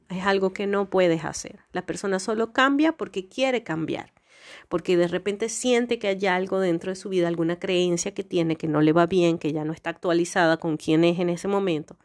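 A woman hosting a podcast, talking through life advice in a conversational monologue, explaining with rhetorical questions and examples. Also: medium pitch. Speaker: podcast host.

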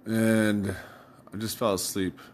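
Deep-voiced man, loose rambling storyteller, swears freely, faint hiss behind. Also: flat delivery, slow pace. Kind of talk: casual rambling monologue.

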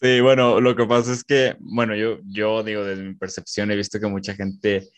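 A man with a Mexican accent, interviewing a guest in relaxed conversation and laughing along. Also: on the low side, normal speed. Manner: relaxed, laughs along, asks open questions.

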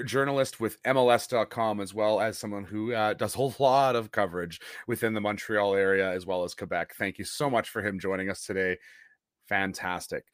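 A man's voice: on the low side, a bit bright, dry recording, clean studio sound. A man from Canada hosting a podcast, interviewing guests in an upbeat, chatty way with frequent restarts. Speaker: podcast host. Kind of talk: casual interview chat.

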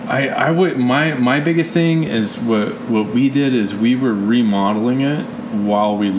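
A man's voice: mid-range voice, moderate pace, a little hiss or hum. A man chatting casually as a podcast guest in a laid-back frat-bro way, peppering his talk with dude, bro and man. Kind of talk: casual conversation.

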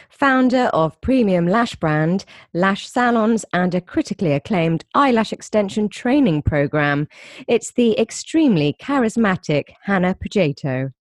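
A woman's voice: medium pitch, very animated, unhurried, no echo, studio quality. A woman host presenting and interviewing a guest in a conversational, presenter-like style. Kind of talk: scripted introduction and conversational interviewing.

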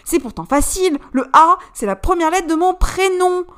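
A woman reading a story aloud, voicing an eager, excitable young man who blurts things out in a shrill, raised voice. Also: normal speed. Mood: excited.

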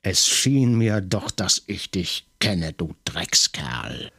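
A man voicing a gruff middle-aged police commissioner in an audiobook, rough and commanding. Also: fairly low pitch, animated, a little slow, no room sound, studio quality. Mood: menacing.

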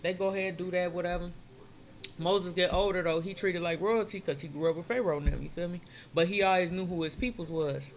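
A man casually retelling old stories in street slang, animated and acting out the characters' voices as he goes. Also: sits high, brisk, slight background noise. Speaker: storyteller retelling Bible stories.

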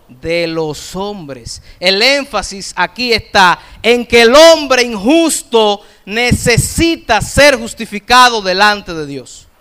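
A middle-aged male pastor preaching a sermon, slowing down to stress key phrases. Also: extremely high pitch, pushed and bright, smooth.

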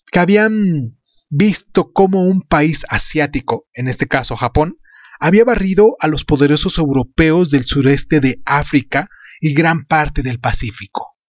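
A man's voice: on the high side, no room sound, lo-fi sound. A man hosting a podcast, reading scripted history narration. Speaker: podcast host.

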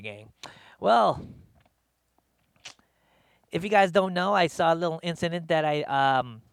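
A male comedian hosting a live show, rambling in a slangy, animated rant from his studio. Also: on the high side, smooth, no echo. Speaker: comedian host. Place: home studio.

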